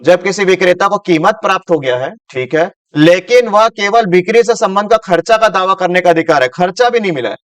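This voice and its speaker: A man's voice: high-pitched, fairly quick, hardly any pauses, fairly bright tone. A male commerce teacher giving a classroom lecture, explaining with everyday examples, asking his students questions and mixing Hindi with read-out English.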